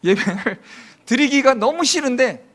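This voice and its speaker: A man's voice: extremely high pitch, animated, moderate pace, a bit bright. A man from Seoul, a pastor, giving a chatty, humorous Sunday sermon full of questions to his congregation.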